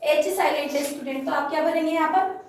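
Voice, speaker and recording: Female teacher, high voice, patient quizzing delivery, distant echoey classroom sound. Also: fast, a little mellow. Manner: patient, repeats and quizzes pupils. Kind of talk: classroom grammar lesson. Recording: echoey room from far off.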